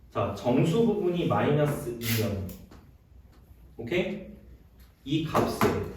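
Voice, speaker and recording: A male math teacher lectures in a lively, rising-and-falling voice, stopping every few lines to ask students if they follow. He sounds distant from the mic, and the classroom echo is heavy. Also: on the high side. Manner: checks in constantly with short questions, mixes casual and polite speech. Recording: roomy, distant classroom recording with faint noise.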